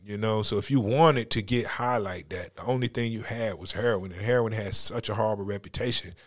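A middle-aged man hosting a podcast, talking in a relaxed, storytelling way. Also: lowish voice, a little fast. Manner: laid-back, storytelling. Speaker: podcast host. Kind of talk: casual chat.

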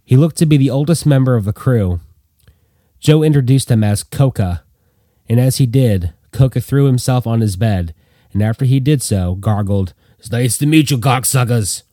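A man narrating a story in a plain, steady reading voice. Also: medium pitch, normal speed, dry recording, clean studio sound.

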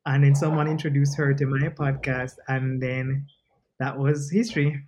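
A man hosting a podcast interview, excitable and playful, teasing his guest. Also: mid-range voice, slight background noise. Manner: scripted intro, then chatty and quick to tease. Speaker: podcast host. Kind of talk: casual interview.

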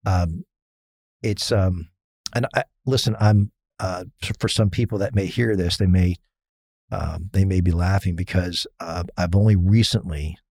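A middle-aged man with a very low, gravelly voice tells rambling, self-mocking stories, full of fillers. His tone is husky, and the sound is dry and close. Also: steady tone, measured pace, a little mellow, no room sound. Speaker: risk consultant guest. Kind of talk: casual storytelling interview.

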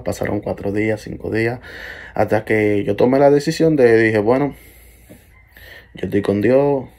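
Young man, low-ish voice, earnest and hesitant, telling a true-feeling ghost story. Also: a little mellow. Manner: earnest, hesitant, restarts and trails off. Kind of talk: first-person paranormal story.

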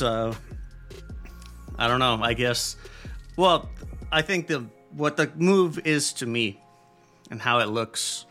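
A man's voice: mid-range voice, bright, forceful tone. An American man hosting a podcast, giving casual, rambling news commentary in a blunt, profane way with lots of fillers. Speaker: podcast host.

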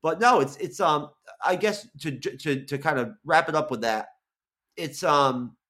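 This guest, a Florida content creator aged forty-one, speaks unhurriedly in a voice on the high side that sounds pushed and bright. Over a casual video-call interview, he rambles, keeps restarting, and curses without a second thought.

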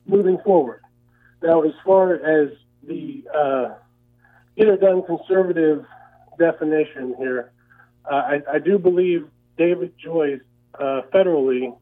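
A caller heard over a narrow, tinny phone line, a man with a slightly raised voice. He talks earnestly and rambles, stopping often to find his words. His tone stays friendly and sincere. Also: a little high. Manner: earnest, rambling with many pauses. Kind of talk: call-in radio chat.

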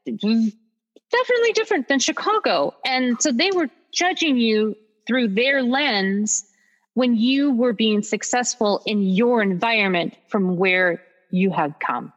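A woman interviewer talks slowly and with care, sums up what her guest has said, and leads into the next question. Her voice sits a little high. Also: expressive, dull audio. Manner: measured, summarizing.

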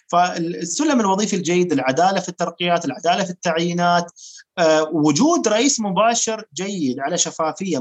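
A doctor with an Emirati accent speaking as an expert guest in an interview, explaining in a lively, emphatic way and mixing in English terms. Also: medium pitch. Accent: Emirati Arabic.

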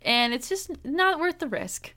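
A woman's voice: sits high, very animated, measured pace, bright, forceful tone. A woman co-hosting a casual podcast, reading listener stories aloud and reacting with frequent laughter. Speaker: podcast co-host.

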